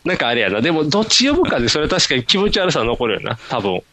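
Lively Kansai man chatting. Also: on the high side, fast, dry recording. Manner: easygoing, laughing, lots of backchannel nods. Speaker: podcast co-host. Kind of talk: casual chat.

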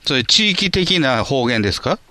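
A man's voice: mid-range voice, very animated, normal speed, pushed and bright, dry recording. A man with a Kansai accent co-hosting a casual podcast chat, wry and teasing, switching between polite speech and dialect. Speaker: podcast co-host.

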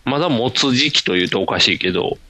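A man with a Kansai accent chatting casually as podcast co-host, his voice bright and ringing. His pitch swings widely as he reacts, easygoing and quick to laugh. Dry, close recording with no room sound. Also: lively intonation, no room sound. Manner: easygoing, laughing, lots of backchannel nods. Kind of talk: casual chat.

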